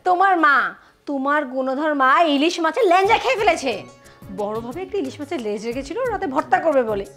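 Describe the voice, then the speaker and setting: A woman's voice: sits high, animated, fast talker, a bit bright, soft background music. An actress playing a nagging young wife who scolds her husband about his mother. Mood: complaining. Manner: scolding, complaining, threatening to leave. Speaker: younger daughter-in-law. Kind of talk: village TV drama acting.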